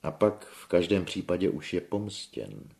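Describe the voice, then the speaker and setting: Man voicing an earnest young man, measured, persuasive, very deep, gravelly, audiobook. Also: sing-song, darkish tone, exaggerated voice.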